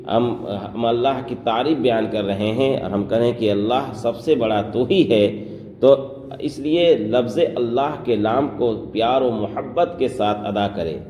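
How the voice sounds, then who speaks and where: A man teaching how to pronounce prayer phrases, explaining quickly and then reciting each phrase slowly and drawn out. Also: mid-range voice, warm tone. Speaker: religious teacher. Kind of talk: pronunciation lesson on prayer phrases. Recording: echoey room, faint background noise.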